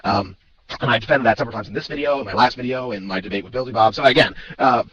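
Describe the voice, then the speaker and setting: A man building a pedantic argument against an opponent in a video debate. He talks very fast with a bright, sharp edge. His delivery is lecturing and point-by-point. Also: medium pitch, muffled recording, a little hiss or hum.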